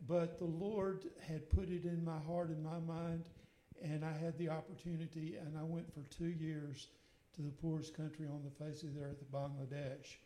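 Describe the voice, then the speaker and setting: A man's voice: on the high side, flat delivery, normal speed, warm tone. Rambling older man, roomy echo. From Mississippi, USA. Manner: meandering, strings clauses with "and so anyway". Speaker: guest. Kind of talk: rambling personal storytelling.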